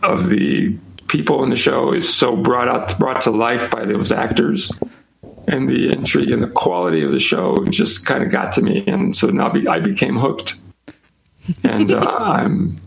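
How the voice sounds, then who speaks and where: A man with a Southern accent, co-hosting a podcast in a folksy, deliberate casual chat. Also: medium pitch, animated, gravelly, rough recording. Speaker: podcast co-host.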